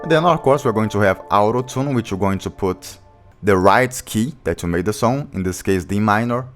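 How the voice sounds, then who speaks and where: At a moderate pace, a low-voiced music producer gives a plain, step-by-step beatmaking walkthrough with non-native grammar. Beat music plays in the background of this casual screen-recorded tutorial.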